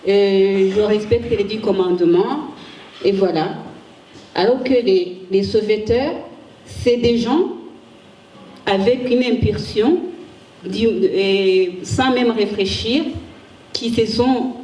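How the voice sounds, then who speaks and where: A woman giving an academic conference talk with slides, halting and restarting as she searches for words. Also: mid-range voice, warm tone. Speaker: conference speaker, ethics researcher. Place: conference room. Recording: echoey room, distant mic, faint hiss.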